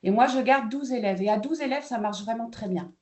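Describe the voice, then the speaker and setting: A woman's voice: fairly high pitch, a little fast, a little mellow. A woman kindergarten teacher presenting a training webinar, explaining the steps of a lesson with frequent hesitations and fillers.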